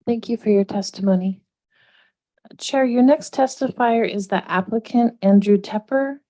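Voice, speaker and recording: Woman hearing clerk, polite and procedural, warm mellow voice. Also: fairly high pitch, moderate pace. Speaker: commission clerk. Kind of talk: procedural meeting announcements. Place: public hearing room.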